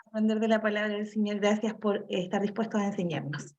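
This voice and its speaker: A woman's voice: medium pitch, steady tone, quick pace, darkish tone. A Chilean woman, a student, cheerfully introducing herself on a video call. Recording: dull distant call audio.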